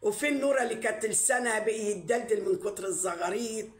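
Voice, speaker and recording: Woman, Egyptian Arabic accent, scolding online rant, rhetorical questions, mid pitch, roomy echo. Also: racing. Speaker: YouTube commentator. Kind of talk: ranting commentary to camera.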